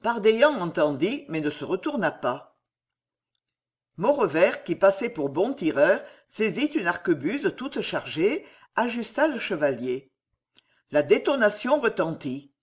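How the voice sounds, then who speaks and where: An audiobook narrator reading a historical adventure novel with an expressive, dramatic delivery. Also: medium pitch, unhurried. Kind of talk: scripted narration.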